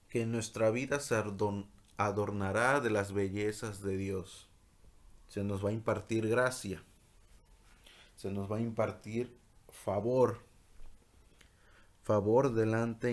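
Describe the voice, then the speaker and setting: Slow, measured man giving a Bible study. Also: lowish voice. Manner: slow, measured reading of scripture with explanation. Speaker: pastor. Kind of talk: sermon-style Bible study.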